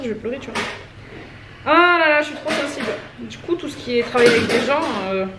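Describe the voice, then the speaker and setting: A woman in her thirties from France, chatting casually and rambling to camera at home while folding laundry. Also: fairly high pitch. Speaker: vlogger. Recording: roomy echo, distant mic, background noise.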